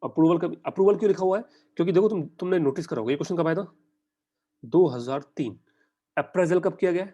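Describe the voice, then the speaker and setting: A young Indian man giving a conversational exam-prep lecture, often putting quick questions to his students. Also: a little high, warm tone, highs cut off. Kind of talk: online lecture in mixed Hindi and English.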